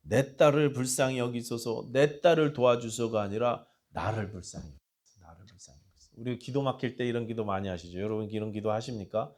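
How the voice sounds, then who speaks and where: A man preaching a sermon in a church, swinging from hushed asides to loud, impassioned cries and reading scripture aloud with the congregation. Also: fairly low pitch, fast. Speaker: pastor. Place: church sanctuary.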